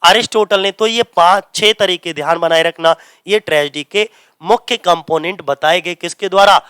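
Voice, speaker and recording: A man teaching English literature for exams in mixed with English, asking his students questions and answering them himself, and reading English lines slowly before explaining them. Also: sits high, pushed and bright, clear, resonant tone, dry recording. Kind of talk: exam-prep lecture in Hindi mixed with English. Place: coaching centre classroom.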